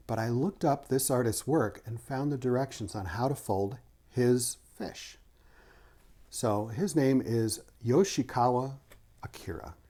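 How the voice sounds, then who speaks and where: An author who also teaches art reads a rhyming children's picture book aloud in a mellow, medium-pitched male voice. He keeps the verse rhythmic and drops in brief explanations like a teacher.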